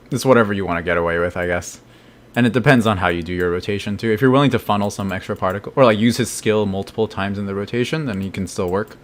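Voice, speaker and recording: A man streaming a game, thinking aloud casually and answering chat questions. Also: on the low side. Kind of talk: live gameplay commentary.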